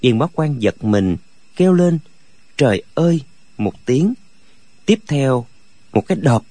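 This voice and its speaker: A man reading a martial-arts novel aloud as a narrator, with expressive storytelling. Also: medium pitch, a little slow, dry recording. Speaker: audiobook narrator. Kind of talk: scripted narration.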